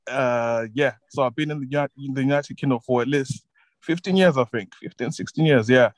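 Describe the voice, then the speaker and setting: A relaxed man in his twenties from Zimbabwe talks about his life as a musician guest. He laughs easily and repeats words as he gathers his thoughts, and his voice sounds dry and close, with no room around it. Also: medium pitch, brisk, no echo, poor audio. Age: 20s. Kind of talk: casual interview chat.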